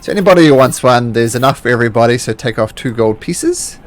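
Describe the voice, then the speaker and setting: A man's voice: mid-range voice, animated, fast. A man improvising as game master of a tabletop role-playing game, speaking casually.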